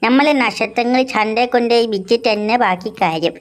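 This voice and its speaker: A woman's voice: on the high side, a little fast, lightly acted. A woman voicing a cheeky, chatty little boy puppet in a miniature-toy cartoon.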